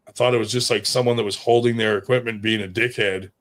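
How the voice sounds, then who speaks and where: A man's voice: mid-range voice, steady tone, fast, a bit bright. A man telling stories in casual chat, rambling and swearing freely, with lots of fillers. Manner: rambling and profane, with many fillers.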